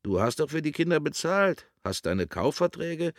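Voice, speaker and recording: A man voicing an easygoing adult smuggler in a noticeably higher, unbothered voice. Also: very animated, moderate pace, no room sound, studio quality.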